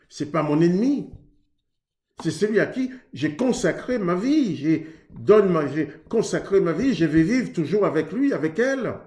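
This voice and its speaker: A man from Haiti, his voice on the high side with a darkish tone, delivers a heartfelt sermon on marriage. He talks conversationally, performing both halves of a couple's dialogue, and the space sounds roomy.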